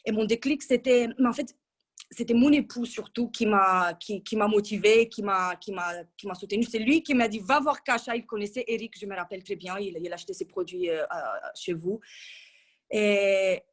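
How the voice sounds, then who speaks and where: A woman in her thirties giving a casual testimonial in an interview, chatty and full of restarts. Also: medium pitch. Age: 30s. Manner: chatty, with many restarts and fillers. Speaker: coaching client giving a testimonial.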